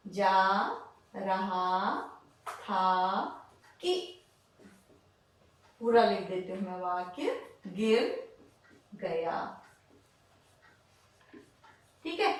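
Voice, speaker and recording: Slow, patient woman teaching Hindi. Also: on the high side, a bit bright, recorded from a distance. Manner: slow, patient explaining with questions to the class. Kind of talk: classroom lesson for children. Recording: echoey room, off-mic, faint hiss.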